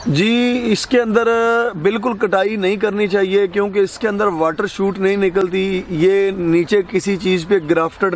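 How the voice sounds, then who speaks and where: High-voiced man giving firm farming advice. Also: a little hiss or hum. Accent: Pakistani Punjabi. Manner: instructive, corrects misinformation firmly. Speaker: farm expert guest. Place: outdoors on a farm.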